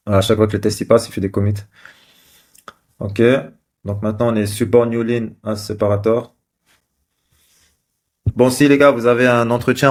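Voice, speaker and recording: A man casually talking through code on screen, thinking aloud with many fillers and restarts. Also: lowish voice. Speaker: developer live-coding host. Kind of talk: casual screen-share commentary.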